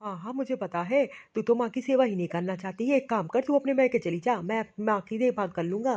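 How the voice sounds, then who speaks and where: A woman's voice: a little high, fast, darkish tone, lightly acted. A woman voicing a short-tempered young husband in a cartoon story, harsh and scolding. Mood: angry. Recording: dull lo-fi audio.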